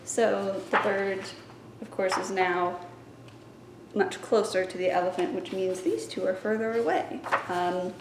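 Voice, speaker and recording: A library science student in her twenties plans a children's story time in a casual teaching vlog, chatting in an upbeat, teacherly way. Her mid-range voice is a little slow. The room is echoey, and there's background noise.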